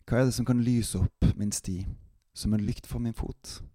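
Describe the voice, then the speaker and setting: A man hosting a devotional podcast, introducing a psalm and then reading it aloud in a calm, steady manner. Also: mid-range voice, heavy background noise.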